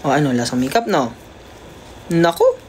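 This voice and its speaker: A livestream host chatting casually to viewers about a pet cat, at times slipping into a high coaxing baby voice for the cat. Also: huge pitch swings, moderate pace, darkish tone, a little hiss or hum. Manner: chatty, keeps addressing viewers.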